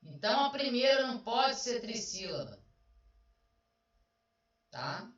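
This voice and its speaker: A woman's voice: fairly high pitch, very animated, slow pace. Chatty woman teacher, roomy and distant. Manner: chatty, explains step by step, asks and answers own questions. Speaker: Portuguese language teacher. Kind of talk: online exam review lesson. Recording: roomy, distant, dull sound.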